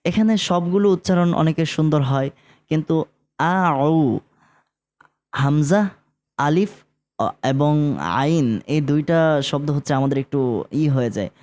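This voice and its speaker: A man with a Bangladeshi Bengali accent teaching Quran recitation, explaining sounds in relaxed talk and chanting verses slowly and drawn out. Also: fairly high pitch. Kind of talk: relaxed spoken lesson with slow chanted recitation.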